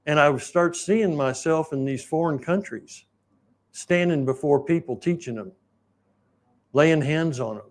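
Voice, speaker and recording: A man, preaching a sermon in a folksy, rambling storytelling way and clearing his throat now and then. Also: on the high side, unhurried. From Oklahoma, United States. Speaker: pastor.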